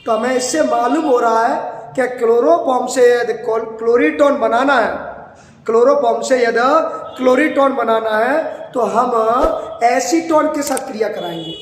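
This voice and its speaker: A man with a very high voice lectures on chemistry, pulling students along with repeated questions and drawn-out words. His voice rings around a large, echoing room with a long tail of reverb. A faint hiss sits underneath. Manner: asks students questions and answers them himself. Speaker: chemistry teacher. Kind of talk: classroom lecture.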